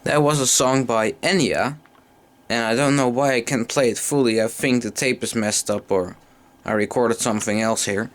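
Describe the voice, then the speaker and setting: A man with a medium-pitched voice speaks in a steady tone at a moderate pace while casually demonstrating vintage audio gear as a hobbyist. The demo is hands-on and unscripted, and he sounds a little hesitant. Clicks and noise come through the amateur camera sound.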